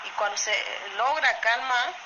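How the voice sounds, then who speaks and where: A woman with an Argentine accent from Salta, telling a true story in a voice message in a lively way, often asking "¿viste?". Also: a little high, a little slow. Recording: muffled voice message with loud noise.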